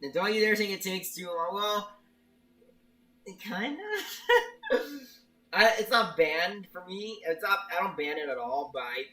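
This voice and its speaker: Stammering young-sounding male streamer, bright voice. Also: high voice, normal speed, far from the mic. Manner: stammering, restarts sentences often. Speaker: streamer, level maker. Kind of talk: casual live-stream chat, reading viewer chat.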